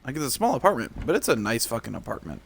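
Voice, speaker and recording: A man's voice: medium pitch, huge pitch swings, quick pace, vocal fry, slight background noise. A man streaming a game, chatting casually, swearing a lot and sounding tired. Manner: laid-back and profane. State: tired, yawning. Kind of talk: casual gameplay commentary.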